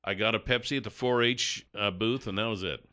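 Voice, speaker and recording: A man's voice: on the low side, fairly quick, sharp tone. A man hosting a casual morning radio show, joking and rambling as he chats. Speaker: radio host. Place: radio studio.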